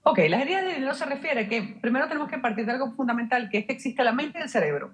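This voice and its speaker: Her voice is high and lively, the words coming rapid-fire. She's a Venezuelan mindset mentor being interviewed, making her points fluently and emphatically with plenty of rhetorical questions.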